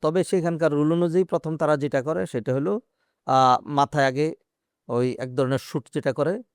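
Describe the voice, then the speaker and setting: Measured man explaining religious rules. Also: a little high, steady tone, clear, resonant tone, dry recording, clean studio sound. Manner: measured explaining, hesitant fillers. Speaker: Islamic scholar answering questions. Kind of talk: religious Q&A interview.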